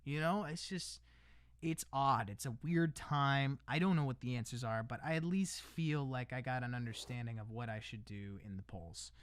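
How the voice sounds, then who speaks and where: A man's voice: mid-range voice, normal speed, smooth, no room sound. A man talking casually on his livestream, rambling with lots of restarts, tossing in "bro" and "man" and laughing between lines. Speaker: livestream host.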